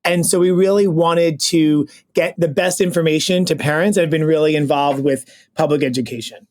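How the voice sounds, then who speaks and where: A man's voice: on the high side, steady tone, moderate pace, darkish tone. A middle-aged American man from Brooklyn, talking casually as a doctor co-hosting a podcast. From Brooklyn, New York. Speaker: pediatric gastroenterologist, podcast co-host.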